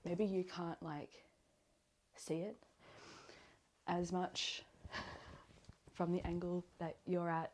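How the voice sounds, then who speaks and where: A woman's voice: fairly low pitch, flat delivery, drawn-out words, pauses often, slight background noise. An Australian woman chatting casually in her bedroom about a book while tidying clothes, rambling with lots of fillers. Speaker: book vlogger. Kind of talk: casual chat.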